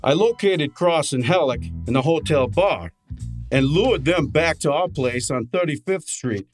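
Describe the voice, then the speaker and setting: A man's voice: fairly high pitch, expressive, a little slow, faint music behind. A man playing a brash, cheeky detective's assistant who also narrates, in an informal, wisecracking old time radio drama style. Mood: wry narration.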